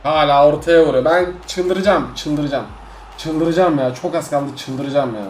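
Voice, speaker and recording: A young man giving live gameplay commentary, exasperated and swinging between loud outbursts and low grumbling. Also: steady tone, moderate pace. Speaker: gaming streamer. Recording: echoey room with game music behind.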